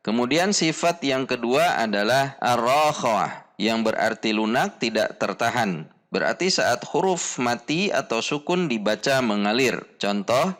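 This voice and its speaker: Slow, deliberate Indonesian male teacher. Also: mid-range voice, expressive, fairly bright tone. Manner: slow, deliberate, demonstrates sounds repeatedly. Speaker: Quran reading teacher. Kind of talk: slow instructional lesson with pronunciation drills.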